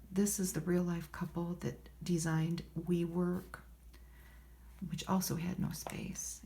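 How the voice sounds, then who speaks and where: Soft-voiced, creaky, hushed ASMR woman. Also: lowish voice, slight background noise. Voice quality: soft, hushed voice, often whispered. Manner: unhurried, murmuring, rambling asides to herself. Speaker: ASMR host. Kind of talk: soft-spoken ASMR magazine read-through with casual commentary.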